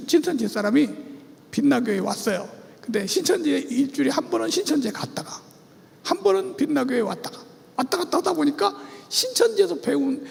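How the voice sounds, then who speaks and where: A man's voice: very high voice, vocal fry, a little mellow. A pastor leading a church seminar, animatedly quizzing his congregation and having them repeat phrases back. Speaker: pastor teaching about cults. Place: church sanctuary. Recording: long church hall reverb.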